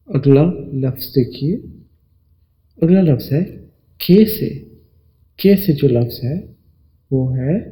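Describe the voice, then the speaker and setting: Male teacher, very slow and mellow, spells out letters one by one. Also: on the high side, poor audio. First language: Urdu. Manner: slow and deliberate, spells out letters and repeats words. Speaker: English teacher. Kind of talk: slow spelling lesson narration.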